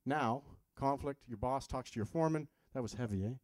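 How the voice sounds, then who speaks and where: A man's voice: mid-range voice, fairly quick, darkish tone, no echo. A man who works with patients gives a live health seminar in a conversational way, asking the audience questions and dropping jokes. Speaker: health practitioner giving a seminar.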